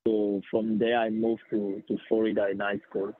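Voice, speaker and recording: Man in his twenties, from Cameroon, hesitant, lots of fillers, lowish voice, tinny phone-like sound. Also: completely flat delivery, moderate pace, no room sound. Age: 20s. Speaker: soccer player guest. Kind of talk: podcast interview.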